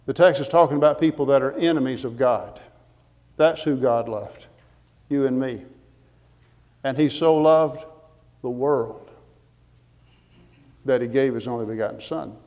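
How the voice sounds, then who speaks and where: A man's voice: mid-range voice, a little slow, pauses often, darkish tone, long reverb tail. A man preaching a sermon in an earnest, emphatic way, citing scripture verses as he goes.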